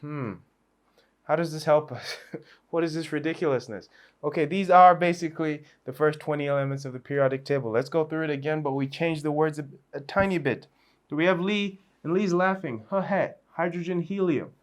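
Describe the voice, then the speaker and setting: A man's voice: a little high, fairly quick. A man teaching a chemistry revision lesson in a playful, chatty way, with asides and small laughs.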